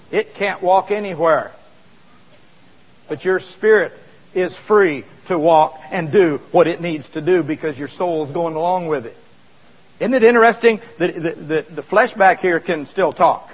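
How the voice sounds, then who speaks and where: In a church hall, a man with a fairly high, breathy voice preaches a sermon that includes a live demonstration, speaking conversationally to the congregation and tossing questions at them. A long hall echo rings around his voice, and the recording sounds slightly dull and muffled.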